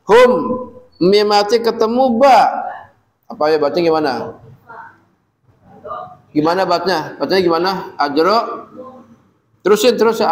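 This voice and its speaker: A man with a high voice teaches a class of women the rules of Quran recitation, patiently quizzing them and chanting the verses slowly. The audio quality is poor.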